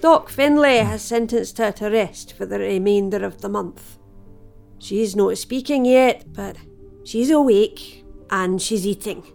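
A woman's voice: medium pitch, unhurried, gravelly, darkish tone, faint music behind. A middle-aged woman with a broad Scottish accent playing a wry, teasing, motherly villager in an audio drama. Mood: matter-of-fact, kindly. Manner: dry, teasing, matter-of-fact.

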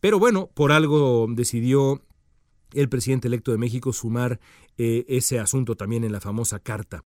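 Male show host, mid-pitched, dry studio sound, deliberate and hesitant political commentary. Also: a little mellow, dry recording. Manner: measured, with frequent hesitant fillers.

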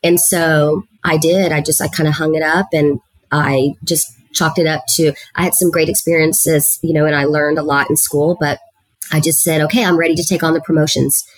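A middle-aged woman from South Texas, appearing as a guest on an interview podcast, recounts her career as a student housing executive. Her low voice is flat and at normal speed, and she talks earnestly with plenty of fillers. The recording is low quality but has no echo.

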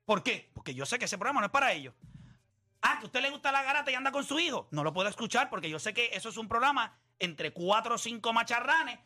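A man's voice: very high-pitched, very animated, quick pace, sharp tone. A man hosting a casual radio talk show, bluntly scolding a caller.

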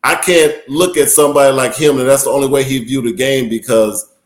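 A man who once played pro basketball tells stories in a loose, profane, animated way and laughs often. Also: medium pitch, a little fast. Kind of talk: casual storytelling. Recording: roomy echo.

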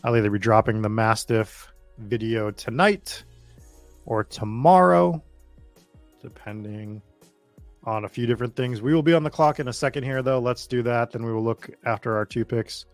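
Faint music plays behind a medium-pitched male voice at normal speed, recorded with no echo. The speaker, an American from the Boston area, hosts a casual live fantasy football draft stream, chatting informally and cursing freely.

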